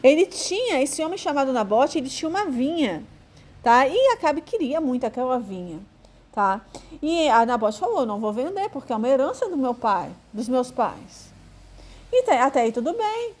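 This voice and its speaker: A Brazilian woman teaching from the Bible in a conversational, informal sermon, pausing with fillers and sometimes acting out voices. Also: high voice, big pitch swings, darkish tone. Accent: Brazilian Portuguese. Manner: conversational, hesitant with fillers, acts out quoted voices.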